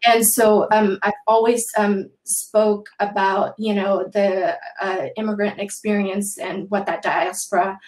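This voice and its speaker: A woman from Taiwan, in her thirties or forties, speaking as a guest on a panel. She talks hesitantly and fills pauses with many ums. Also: medium pitch, little pitch movement, roomy sound, low-quality recording. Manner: hesitant, many filler words. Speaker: panel guest, social practice artist. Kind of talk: casual panel talk.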